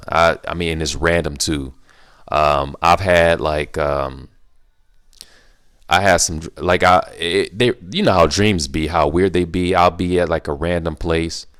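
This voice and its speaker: A man with a rumbling low yet fairly bright voice hosts a casual solo YouTube Q&A, recorded with clean studio quality and no room sound. He's laid-back and playful, rambling, repeating himself and often restarting his sentences.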